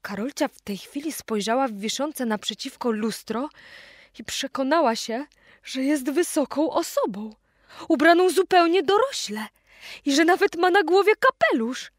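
A woman narrating a children's story in a clear, expressive reading. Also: high-pitched, normal speed, no room sound, clean studio sound.

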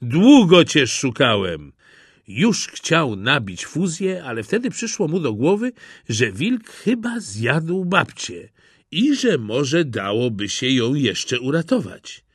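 Husky-voiced man reading a fairy tale. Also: a little high, takes it slowly, dry recording, studio quality. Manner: expressive, dramatic reading. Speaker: storyteller. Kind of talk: scripted storybook narration.

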